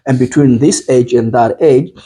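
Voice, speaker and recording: Mellow, husky man thinking aloud. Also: medium pitch, rough recording. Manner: measured, thinking aloud with many ums and restarts. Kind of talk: casual panel discussion.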